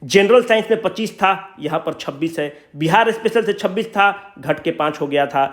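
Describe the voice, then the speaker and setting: High-voiced man coaching with emphatic pleading. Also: lively intonation, normal speed, a bit bright. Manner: pleading, emphatic and repetitive, mixing in English terms. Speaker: exam coaching teacher. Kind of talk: informal coaching talk to exam aspirants.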